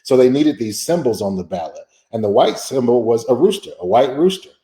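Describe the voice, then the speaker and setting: A man's voice: mid-range voice, animated, brisk, dark tone, echoey room. A man who is a history professor, giving a conversational slide lecture in a blunt, emphatic and colloquial way.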